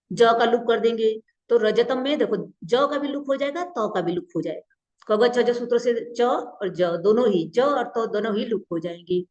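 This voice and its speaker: A woman's voice: a little high, a little mellow, dull audio. A woman teaching a grammar class, explaining patiently and often checking that students follow. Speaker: Prakrit teacher. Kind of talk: online class lecture.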